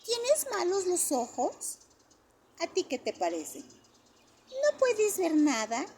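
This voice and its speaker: A woman's voice: very high voice, wildly swooping pitch, slow pace, darkish tone, a little hiss or hum, voice pushed up, full character voice. A woman voicing a group of small kindergarten children who tease and question, in a storybook reading. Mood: teasing.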